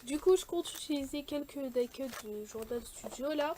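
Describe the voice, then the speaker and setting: A woman's voice: sits high, expressive, moderate pace, warm tone, slight background noise. A young woman casually talking through a scrapbooking project, hesitant and full of fillers and restarts. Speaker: scrapbooking vlogger. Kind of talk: casual craft tutorial chat.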